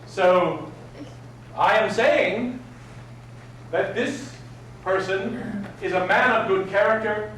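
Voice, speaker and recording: A man leads a live etiquette class in a slow, deliberate delivery. His enunciation is prim and precise, with formal, old-fashioned wording. The voice is high for a man and comes through from a distance with some faint noise. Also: fairly bright tone. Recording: very echoey room, distant mic, faint noise.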